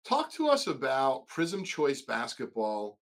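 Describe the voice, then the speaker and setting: A man's voice: medium pitch, wildly swooping pitch, takes it slowly. A man co-hosts a casual podcast, asking questions and often stopping to correct himself. His voice sits in a middle register, and his speech is loose and full of fillers. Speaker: podcast co-host. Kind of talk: casual chat.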